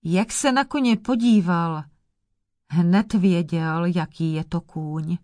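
A woman reading an old fairy tale aloud in a measured, even way. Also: fairly low pitch, no echo, studio quality. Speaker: storyteller.

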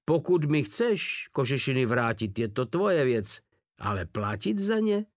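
A man's voice: medium pitch, sing-song, no echo, studio quality, pitched above the performer's own voice, natural voice. A man voicing a sly, wisecracking male soldier who talks down to his rival in a mocking, mock-fatherly tone. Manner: condescending, mock-fatherly teasing.

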